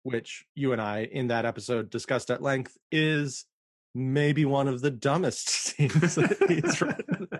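A man's voice: medium pitch, lively intonation, measured pace, dry recording, studio quality. A man co-hosting a podcast, chatting casually, laughing often and reading quotes aloud. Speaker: podcast co-host. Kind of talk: casual chat.

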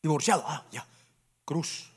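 A pastor preaching a sermon to his congregation in church, animated and often asking them to agree. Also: a little high, unhurried, slightly rough. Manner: animated preaching, constantly asks the congregation "¿verdad?". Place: church service before a congregation.

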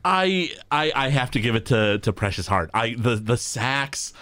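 Lively-voiced podcast host, halting speech. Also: male voice, medium pitch, dry recording. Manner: halting, restarts phrases often. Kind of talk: casual podcast chat.

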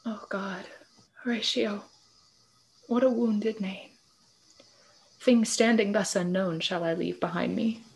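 A woman acting a dying young prince in a Shakespearean tragedy, slow and faint as if on a deathbed, with fading breath. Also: medium pitch, fairly even intonation, vocal fry, darkish tone, low-quality recording. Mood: faint, grieving. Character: dying young prince Hamlet, anguished and urgent.

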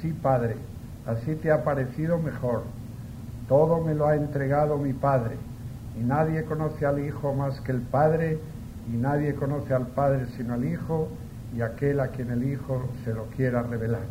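A man preaches in a large church, his voice ringing with a cathedral echo. He talks unhurried and conversational, dropping little asides to the congregation. Steady background noise sits under the booming reverb. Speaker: priest. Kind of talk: Mass reading and homily.

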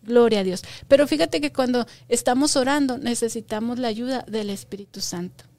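A woman's voice: fairly high pitch, a little fast, darkish tone, no room sound. A woman teaching a Bible lesson to children, patiently asking them questions and stressing key words by repeating them.

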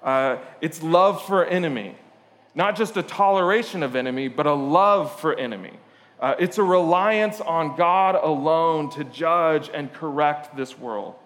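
A man's voice: a little high, a little slow, a bit bright, big-room sound. A man from Portugal preaching a sermon, talking in a conversational, storytelling way with frequent "uh" fillers and asides. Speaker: pastor.

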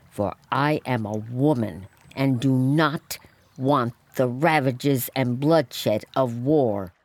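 A woman's voice: very deep voice, a little mellow, exaggerated voice. Woman as devout Joan of Arc, righteously declaiming. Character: devout young peasant maid Joan of Arc, frightened yet defiant. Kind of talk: dramatic monologue over music.

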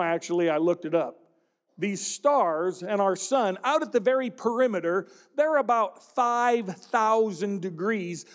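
A middle-aged man preaching a sermon, with playful joking asides to the congregation. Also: high-pitched. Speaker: pastor.

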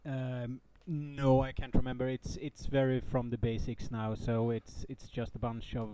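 Male co-host, soft dark tone, medium pitch, casual hesitant talk. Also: little pitch movement, a little hiss or hum. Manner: hesitant, halting. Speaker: podcast co-host. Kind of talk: casual podcast chat.

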